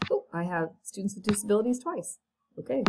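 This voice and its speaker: Against a noisy background, a woman instructor briskly goes over her college course syllabus in a very animated, mid-range voice. The lecture is casual and chatty, packed with ums and asides, and she coughs every so often.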